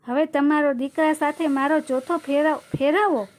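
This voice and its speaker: A gentle young bride speaks plainly and sincerely, voiced by a woman telling a folk tale. High, soft-spoken storybook delivery. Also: fairly even intonation, normal speed, close to an everyday voice.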